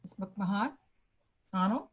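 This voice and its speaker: A woman moderating a webinar, quietly thanking speakers and introducing the next one over a video call. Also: medium pitch, lively intonation, a little slow, breathy edge. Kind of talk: hosting announcements.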